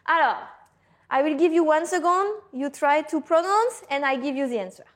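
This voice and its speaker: A woman teaching a beginner lesson, pronouncing words slowly and clearly, with playful asides. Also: high voice, expressive. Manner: slow, exaggerated pronunciation with playful asides. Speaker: French teacher. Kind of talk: language lesson mixing French and English.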